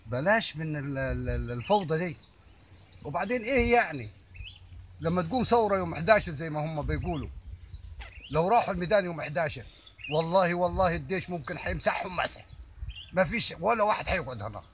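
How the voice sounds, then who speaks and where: An older army veteran with an Egyptian Arabic accent gives his opinion to the public in an impromptu monologue, emphatic and repetitive, stumbling over words. His voice is a little high and a bit bright, with lively intonation, and he talks fast over slight background noise.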